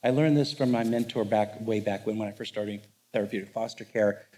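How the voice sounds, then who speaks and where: A man's voice: fairly low pitch, fairly quick. Joking middle-aged man lecturing on stage. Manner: joking, animated storytelling. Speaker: marriage counselor. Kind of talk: live seminar talk. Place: on stage before a live audience.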